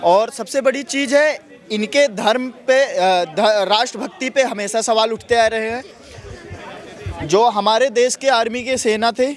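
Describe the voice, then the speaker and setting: A man answering a street interview outdoors in a city, arguing in measured, halting phrases. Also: very high voice, a faint crowd. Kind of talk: street vox pop.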